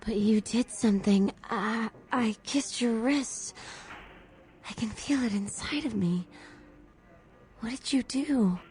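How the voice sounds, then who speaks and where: Frightened young woman, slow and halting. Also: fairly high pitch, a little mellow. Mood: dazed, alarmed. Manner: halting, stammering, breathy pleading. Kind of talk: video game dramatic acting.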